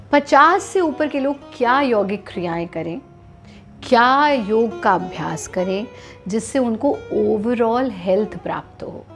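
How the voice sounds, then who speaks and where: A woman with an Indian accent, a yoga teacher giving calm, measured guided instruction. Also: mid-range voice.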